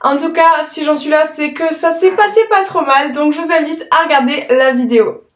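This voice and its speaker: A woman's voice: high voice, moderate pace, roomy sound. A woman, chatting her way through a makeup tutorial and explaining each step. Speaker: beauty vlogger. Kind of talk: casual makeup tutorial narration.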